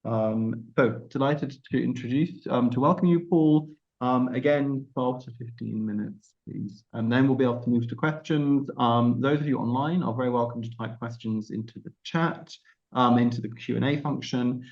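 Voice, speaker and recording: A man's voice: mid-range voice, moderate pace, dull audio. A man chairing a conference, introducing the next speaker politely with frequent ums.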